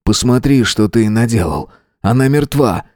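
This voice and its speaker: A man's voice: medium pitch, lively intonation, normal speed, a little mellow, no room sound, lightly acted. A desperate middle-aged male teacher, as a male narrator voices him, pleading urgently for the violence to stop. The voice is close and dry.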